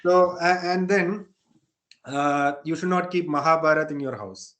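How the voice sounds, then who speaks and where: A man's voice: a little high, moderate pace, fairly bright tone. A man. He teaches spiritual texts in an informal, explanatory way, often adding a questioning tag to check understanding. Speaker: spiritual teacher leading a satsang.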